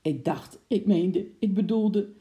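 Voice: medium pitch, lively intonation, moderate pace, warm tone, voice pushed up, lightly acted. A narrator doing a flustered, stammering husband. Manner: stammering, apologetic. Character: flustered middle-aged husband. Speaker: storybook character.

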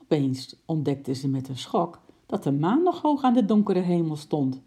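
A woman reading a children's story aloud in a lively, expressive narration. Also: deep voice, normal speed.

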